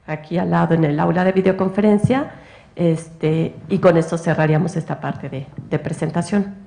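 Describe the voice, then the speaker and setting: A woman's voice: fairly low pitch, fairly quick, vocal fry, dark tone. A woman moderating a university event, explaining the next steps in a hesitant way with filler words. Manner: hesitant, uses "este" filler. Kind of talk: organizing remarks. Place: university auditorium.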